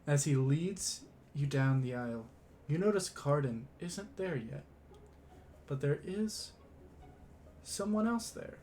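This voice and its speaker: A man narrating a tabletop game as game master, measured and deliberate, stumbling when flustered. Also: fairly high pitch, lively intonation, darkish tone, slight background noise.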